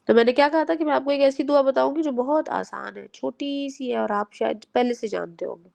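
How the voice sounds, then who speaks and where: Gravelly woman teaching children. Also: sits high. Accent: Pakistani Urdu. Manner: gentle and explanatory, asks the children questions. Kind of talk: lesson for children.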